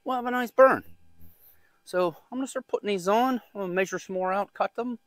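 Out in the woods and garden, a gardening vlogger films a casual video, chatting and rambling while poking fun at himself. His voice is fairly high and bright, his pace brisk, and the recording dry.

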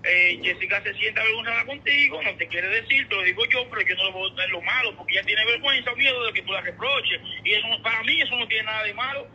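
Heard tinnily over a speakerphone, this Dominican caller talks quickly with few pauses in a high, husky, sharp-toned voice. He's in a relaxed phone chat, hesitating and repeating words as he explains himself.

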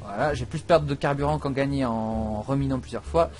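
A man giving casual, excitable gameplay commentary, swearing and breaking into loud outbursts as he plays. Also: mid-range voice, moderate pace, soft background music. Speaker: let's play gamer.

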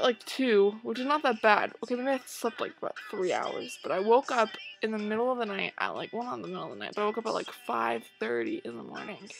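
A woman's voice: medium pitch, gravelly, rough recording. A young woman vlogging in a hyper, rambling way, tired and easily sidetracked. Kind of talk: casual vlog chat.

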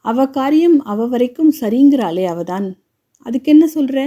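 Woman reading as an old widowed grandmother, grieving and defiant, reproachful, dark mellow voice, storybook reading. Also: high-pitched, expressive, moderate pace. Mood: quiet bitter. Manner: impassioned, reproachful pleading.

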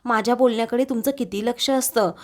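A woman's voice: fairly high pitch, steady tone, fast, a little mellow, close to an everyday voice. A woman narrator reading the lines of a fussy, bossy grandmother. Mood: nagging. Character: fussy grandmother bossing the household.

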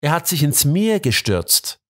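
A man's voice: on the high side, sing-song, measured pace, voice pushed up. A man voicing a loyal, earnest young doctor sidekick in an audiobook.

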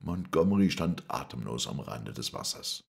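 A man narrating an audiobook in the first person with a dramatic, expressive reading. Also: rumbling low, moderate pace, creaky.

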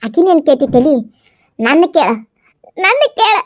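A woman voicing a fierce, rough-spoken village mother in a comedy skit, with a North Karnataka Kannada accent. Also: sits high, very animated, moderate pace, no echo. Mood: accusing. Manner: gruff, accusing, rough-spoken.

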